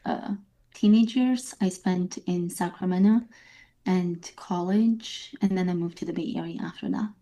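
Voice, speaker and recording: A woman from Bosnia, a therapist, answering interview questions thoughtfully with pauses. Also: on the low side, mellow. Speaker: therapist guest.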